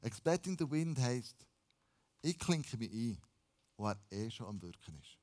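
A pastor preaching a lively, casual sermon and dropping in English phrases. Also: male voice, medium pitch, unhurried.

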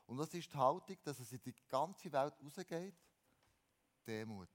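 A man preaching a sermon, animated, with repeated words and restarted phrases, swinging between emphatic lines and quiet ones. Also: medium pitch, measured pace.

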